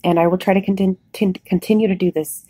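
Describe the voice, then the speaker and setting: A woman recording a casual, candid video diary, sounding weak and worn out after surgery, talking haltingly. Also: fairly low pitch, fairly even intonation, dark tone, breathy edge, dry recording. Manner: candid, plain-spoken. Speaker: patient vlogger recording a recovery diary. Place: hospital bed, indoors.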